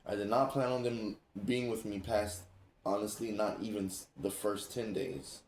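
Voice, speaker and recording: A man hosting a casual chat, telling stories in an animated way, laughing and acting out what others said. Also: fairly low pitch, moderate pace, slight background noise. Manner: animated, laughing, acts out quoted speech. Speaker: streamer and host. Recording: roomy echo.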